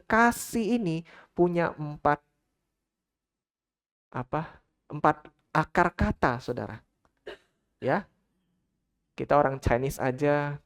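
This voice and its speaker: A woman with a notably low voice delivers a church sermon. She talks directly to her congregation, calling them by name and pausing to ask them questions. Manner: engages the congregation with frequent questions, addressing listeners as "Saudara". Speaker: preacher.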